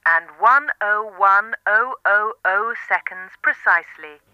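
A woman voicing a telephone speaking clock, her recorded words spliced together and announced slowly and precisely. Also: medium pitch, heavy background noise. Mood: announcing. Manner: slow, measured, precise announcing. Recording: tinny telephone line.

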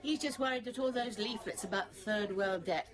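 Woman acting villager, friendly, mid pitch, radio soap, chattering background. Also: normal speed, close to an everyday voice. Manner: friendly, conversational. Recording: gathering chatter behind.

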